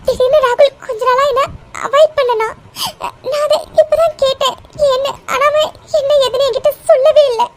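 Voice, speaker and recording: A betrayed young woman from a cartoon, with a piercingly high voice. She sobs through her words, and her voice keeps breaking. Faint ambience hums behind her. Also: quick pace, slight background noise. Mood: tearful. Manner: sobbing, breaking voice. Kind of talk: cartoon voice acting.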